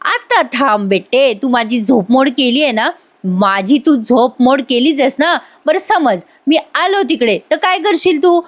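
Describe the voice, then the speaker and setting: Grumpy sleepy young husband bossing his wife around, woman doing him, kinda high voice. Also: animated, unhurried. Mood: grumbling. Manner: grumbling, bossy.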